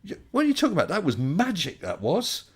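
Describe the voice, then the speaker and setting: A man's voice: sits high, wildly swooping pitch, fast, slightly rough. A man hosting a casual live stream, chatting politely and welcoming people as they join.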